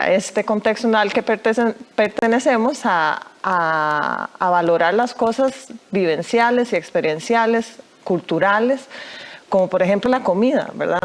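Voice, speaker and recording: A young woman from Costa Rica, appearing as a guest artist in a TV news studio interview, speaks thoughtfully in a medium-pitched voice, with many fillers and restarts.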